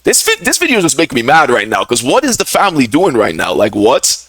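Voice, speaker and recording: A man's voice: mid-range voice, wildly swooping pitch, fast talker, fairly bright tone, no room sound. Man, casual video reaction, slangy, outraged, dead dry sound.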